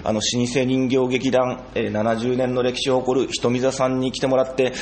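A man's voice: mid-range voice, normal speed, slight background noise. A man with a Fukushima accent hosting a podcast in a loose, rambling chat. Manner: lively, drawls in dialect. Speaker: podcast host. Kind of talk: casual chat.

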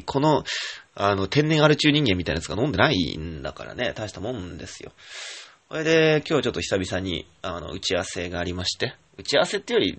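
A man's voice: sits low, gravelly, fairly bright tone. A man hosting a casual solo radio talk, rambling and self-mocking, with many fillers. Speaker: radio show host and theater director.

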